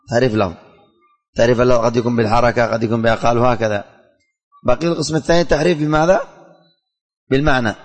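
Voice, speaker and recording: A man teaching a religion class in a classroom, quizzing students by name and repeating his questions. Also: mid-range voice. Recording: hall reverb.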